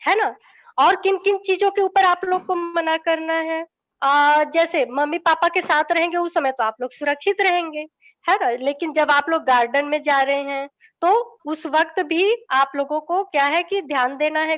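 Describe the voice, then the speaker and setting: Brief: young female teacher, bright high register, patient coaxing lesson for small kids. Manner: coaxing, asks "ठीक है?" after nearly every line. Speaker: children's teacher. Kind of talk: lesson for children.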